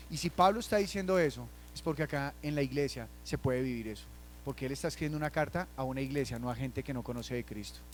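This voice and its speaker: A Colombian pastor delivers a sermon in a fairly high voice. He acts out little scenes in quoted voices and swings from hushed asides to loud bursts. A faint hum sits under the recording.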